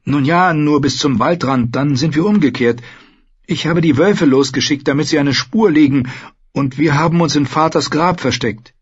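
A man's voice: a little high, normal speed, breathy edge, lo-fi sound, pitched above the performer's own voice. A man voicing an earnest, eager young noble boy in an audiobook. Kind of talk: audiobook character voice.

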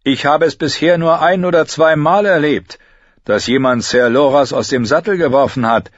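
A man's voice: fairly high pitch, normal speed, no room sound, muffled recording, pitched above the performer's own voice, close to an everyday voice. A man voicing a gracious, commanding young king who addresses a crowd in a ringing, ceremonial way, in an audiobook.

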